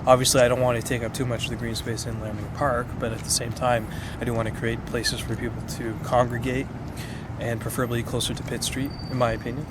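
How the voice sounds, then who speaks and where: Canadian male councillor, interview answers, careful and diplomatic, brisk delivery, very noisy street recording. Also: mid-range voice, level tone. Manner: measured, diplomatic, hedging answers. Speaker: city councillor being interviewed.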